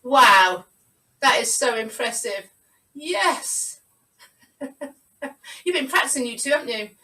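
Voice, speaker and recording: Her voice on the high side, pushed and bright, a woman counts reps aloud and encourages students while teaching a live Pilates class online. She speaks at normal speed from a room at home, and the video-call recording sounds roomy and distant.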